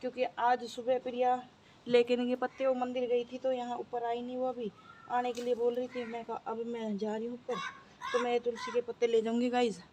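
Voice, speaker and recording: Woman, sore throat, chatty and repetitive, slightly high voice, phone recording outdoors, faint background noise. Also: monotone, brisk, warm tone. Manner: chatty, repeats herself, keeps saying "guys". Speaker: vlogger. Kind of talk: casual daily-life vlog. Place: rooftop, outdoors.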